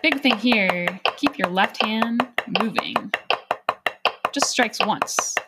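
Female drum instructor, calm counting and explaining, loud drumming and clicks behind. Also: a little high, slow pace, heavy background noise. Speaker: drum teacher.

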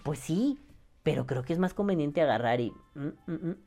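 A man's voice: on the high side, expressive, moderate pace, gravelly, dark tone, faint music behind. A Mexican man hosting a podcast, ranting casually in a profane, sarcastic, rambling way. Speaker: podcast host.

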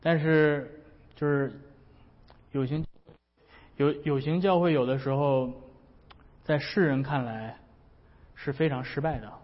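A male pastor with a slightly high voice, delivering a sermon in a loose, joking, conversational manner. The sound is dull, with a long hall reverb behind the voice. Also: measured pace, long pauses. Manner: chatty, humorous, often laughing.

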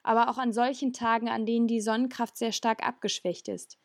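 A woman's voice: on the high side, fairly even intonation, fairly quick, no echo, studio quality, close to an everyday voice. A woman voicing a grave alien elder woman explaining a danger in a storybook reading.

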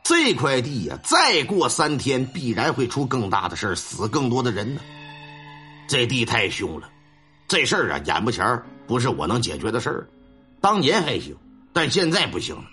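Gloomy and grave, this aging exorcist master talks low and slow, each phrase weighed down with a sigh, as a storyteller puts him on. His voice drops well below the narrator's own lively tone, and the manner is heavy and weary, like an old storybook sage. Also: soft background music.

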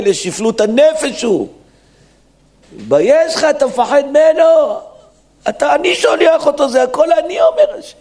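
A rabbi preaches in a synagogue in a gravelly voice, pitched a bit above most men. His delivery is lively and emphatic, with wide swings up and down as he drives each point home. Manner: emphatic, preaching, acts out quotes. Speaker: rabbi giving a weekly lesson. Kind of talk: Torah sermon.

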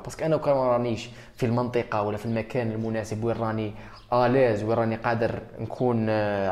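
A man with an Algerian accent, a host answering viewer questions in a rambling, animated casual monologue that slips in foreign phrases. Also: mid-range voice.

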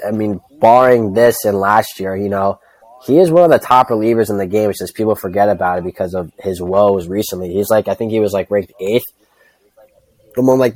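A man's voice: on the low side, a little mellow, no echo, poor audio. A man giving casual sports analysis as a podcast panelist, peppering his talk with conversational filler phrases. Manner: hedging, repeatedly says like and you know. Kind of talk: casual baseball analysis chat.

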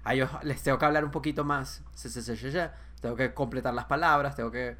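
A man with a Venezuelan Spanish accent in casual chat, chatty and prone to repeating words in quick bursts. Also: mid-range voice, steady tone, over a noisy crowd.

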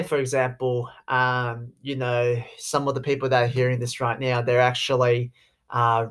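A man in his twenties with an Australian accent speaks at a medium pitch with a fairly bright tone. He's a podcast host and sales rep, rambling through a casual monologue packed with "you know" fillers.

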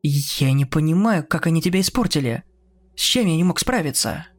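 A man playing a scared, bewildered man in a spoken horror story, halting and unsure. His voice rises a little above the narrator's usual tone. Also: fairly high pitch, animated. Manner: hesitant and halting. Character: frightened, confused adult man.

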